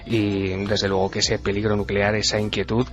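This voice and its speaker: A man on a radio panel explaining in a flat, somewhat hesitant way. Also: lowish voice, normal speed. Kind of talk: radio talk show. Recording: dull radio audio with faint music.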